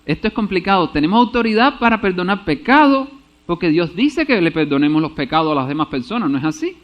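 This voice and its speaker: A male pastor with a high voice delivers a sermon to his church. He keeps checking that his listeners follow him and punctuates points with amen. The recording sounds somewhat dull and lo-fi. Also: sing-song, fast talker. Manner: preaches with rhetorical checks and repeated amens.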